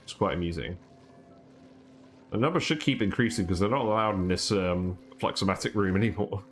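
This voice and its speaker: A man's voice: low-pitched, a little fast, slight background noise. A man streaming a game and chatting casually, rambling and thinking aloud with fillers and little laughs. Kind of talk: casual gameplay commentary. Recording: faint background music.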